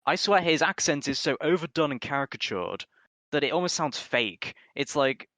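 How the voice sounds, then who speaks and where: A man's voice: on the high side, expressive, moderate pace, fairly bright tone, dry recording. A young man from north-west England on a podcast panel, chatting casually with wry, dry humour.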